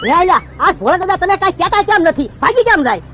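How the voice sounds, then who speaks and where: Someone voicing a rapid-fire squeaky village tough. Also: sing-song, fairly bright tone, soft background music, full character voice. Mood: blunt. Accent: Gujarati. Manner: blunt, argumentative.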